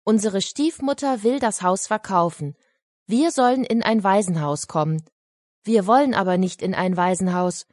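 A woman voicing an excited young boy in a storybook reading, lively and eager. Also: normal speed, dry recording, studio quality, close to an everyday voice. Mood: earnest. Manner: eager, high and loud.

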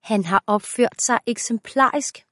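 A woman voicing a fond, doting grandmother who speaks warmly and full of praise. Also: a little high, dry recording, studio quality, voice pushed up. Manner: warm, praising.

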